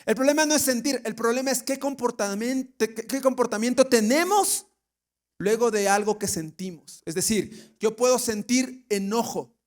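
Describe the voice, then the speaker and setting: A very high-pitched man speaking at normal speed delivers a sermon as a pastor with an Ecuadorian Spanish accent. Along the way he asks the congregation questions, jokes, laughs, and now and then mimics people he quotes.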